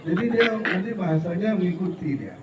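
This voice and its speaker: Middle-aged male preacher, joking and motivational, mid-high voice, distant echoey hall with noise behind. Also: fast talker. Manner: jokey, mimics regional dialects in quoted bits. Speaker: religious speaker at a school event. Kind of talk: humorous religious lecture. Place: school hall.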